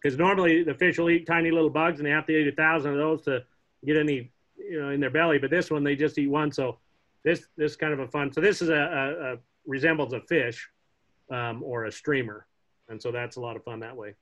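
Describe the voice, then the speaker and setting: A middle-aged man teaches a casual online class from his home, talking in a relaxed, chatty way and joking now and then. His voice is bright and a little higher than most men's. The sound is dull and lo-fi, as from a laptop webcam on a video call. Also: brisk. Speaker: fly fishing instructor. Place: home room, indoors.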